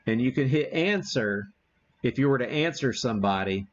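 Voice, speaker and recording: An amateur radio streamer gives a casual live demo, speaking haltingly as he thinks aloud while handling his gear. His mid-range voice is expressive, and the sound is lo-fi.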